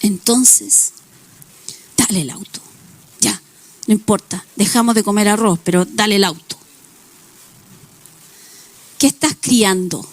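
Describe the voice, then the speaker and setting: A woman's voice: medium pitch, slow pace, long pauses. A woman pastor preaching a sermon, illustrating points with everyday examples and acted-out quotes.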